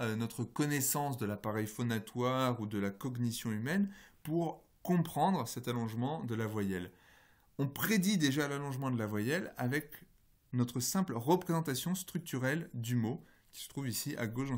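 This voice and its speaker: A man with a French accent lectures on a university course. He explains patiently, one step at a time, and often turns to his students with direct questions. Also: mid-range voice.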